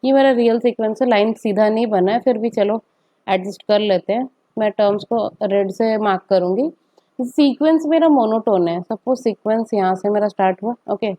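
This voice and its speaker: A woman's voice: medium pitch, moderate pace, mellow. A woman teacher gives a step-by-step maths lecture, often asking rhetorical questions and checking in with "okay".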